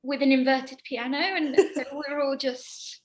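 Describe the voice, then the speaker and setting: A young actress telling backstage stories in an interview, rambling with lots of ums and hesitations. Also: female voice, fairly even intonation, normal speed. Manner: rambling with many ums, acts out quoted lines in a high voice. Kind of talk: casual anecdote-telling.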